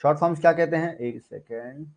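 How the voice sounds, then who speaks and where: A man's voice: a little high, fast talker, vocal fry, a little mellow. A man with an Indian accent teaching shorthand in an online class, explaining step by step and asking and answering his own questions. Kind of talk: online class lecture in Hindi-English mix.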